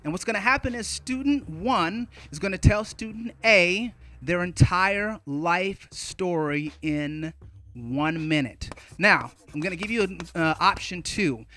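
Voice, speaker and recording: High, bright-voiced upbeat male poetry teacher. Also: measured pace. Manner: energetic and playful, counting out rhythms. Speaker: teaching artist. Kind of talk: upbeat spoken-word poetry lesson.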